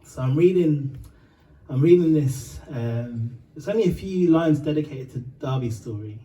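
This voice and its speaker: Ugandan-british guy rambling onstage, lots of ums and swearing, mellow voice, mic kinda far off. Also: a little high, lively intonation, moderate pace. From Uganda and Britain. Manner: rambling, full of fillers and swearing, laughs through it. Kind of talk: rambling spoken story between songs.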